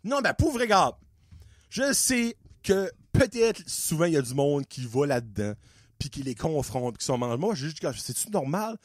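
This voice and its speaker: Animated Acadian man ranting. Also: on the high side, normal speed, no echo, studio quality. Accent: Acadian French. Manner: profane, sarcastic and exasperated. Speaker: podcast host. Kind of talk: casual comedic rant.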